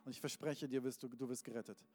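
A man voicing a calm, reassuring rescuer who calls down from above and speaks steadily and solemnly. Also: mid-range voice, fast, lightly acted. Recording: long hall reverb, faint band music.

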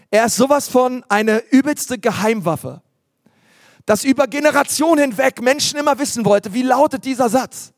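A man preaching a sermon, emphatic and animated, with repetitions and acted asides to the congregation. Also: very high voice, no echo, clean studio sound. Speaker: pastor.

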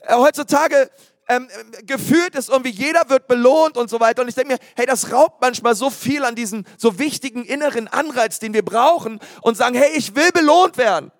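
A man preaching a lively sermon, calling out to his congregation and repeating key phrases for emphasis. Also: very high-pitched, brisk, dry recording, clean studio sound. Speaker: pastor.

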